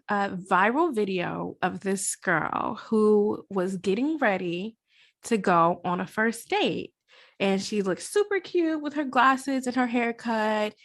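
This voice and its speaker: A woman hosting a casual podcast, talking in an animated, slangy way and laughing often. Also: mid-range voice. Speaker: podcast host.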